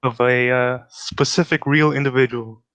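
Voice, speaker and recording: A man's voice: mid-range voice, fairly even intonation, normal speed, a bit bright. Man thinking aloud while explaining. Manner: thinks aloud, self-correcting. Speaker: linguistics presenter. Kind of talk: casual explanatory talk.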